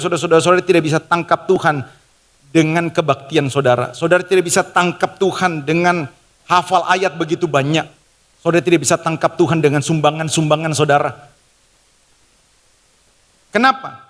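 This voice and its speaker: A man's voice: on the high side, fairly bright tone. A man preaching a sermon as pastor, emphatic and fervent, addressing the congregation directly. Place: large church hall. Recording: long church hall reverb with music. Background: worship music.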